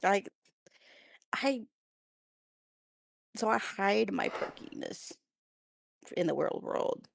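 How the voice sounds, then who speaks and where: A woman guest in a casual podcast chat, giggly and halting as she searches for words. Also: medium pitch, lively intonation, gravelly, no room sound.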